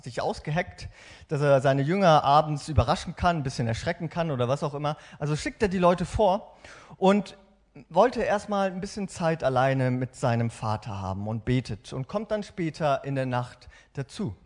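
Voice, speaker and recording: Young man, upbeat casual sermon, high voice swinging up and down. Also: moderate pace. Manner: lively, animated, chatty asides with frequent "ja?". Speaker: preacher. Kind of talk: sermon with dramatic Bible reading.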